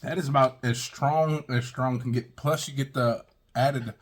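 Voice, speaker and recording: A man with a husky voice hosting a casual taste-test review, exclaiming often and talking straight to his viewers. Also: medium pitch, fairly even intonation, a little slow, slight background noise. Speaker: video host.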